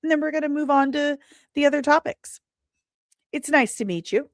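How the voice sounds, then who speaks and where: Chatting playfully and with emphasis directly to viewers, a British livestream host who writes comic books speaks in a high voice at normal speed. The sound is clean studio audio with no echo.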